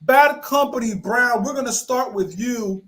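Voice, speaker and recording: A man's voice: very high voice, a little slow, fairly bright tone. A man hosting a wrestling podcast, leading his panel with an emphatic, showman-style delivery. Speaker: podcast host. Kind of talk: casual podcast chat.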